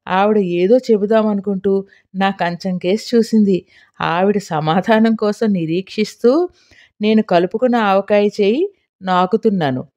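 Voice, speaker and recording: A woman reads a comic novel aloud in an expressive, storytelling manner. Her voice is mellow and rounded. She holds an even middle pitch. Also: a little slow. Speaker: audiobook narrator. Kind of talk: scripted storybook narration.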